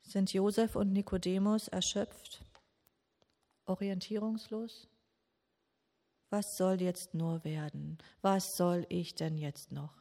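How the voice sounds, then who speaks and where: Woman, sermon, slow pace, grieving questioning tone, long pauses, long church reverb. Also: medium pitch, fairly even intonation, warm tone. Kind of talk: slow meditative Good Friday sermon. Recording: long echo of a large church hall.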